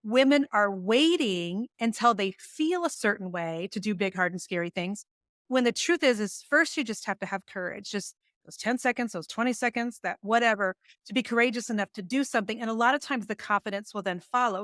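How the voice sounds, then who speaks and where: Recorded dry at studio quality, her mid-range voice is brisk. She's a woman in her forties, an author and business coach, sharing casual stories in a podcast interview and playfully voicing her inner dialogue, laughing along the way.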